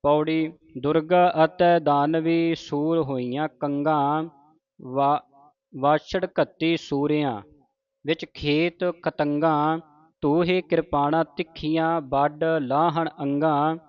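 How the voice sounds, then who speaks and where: A man teaching scripture pronunciation, reciting verses slowly in a measured chant and stopping to correct words. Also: on the high side, steady tone, clean tone, dry recording, lo-fi sound. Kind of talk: slow recitation lesson with corrections.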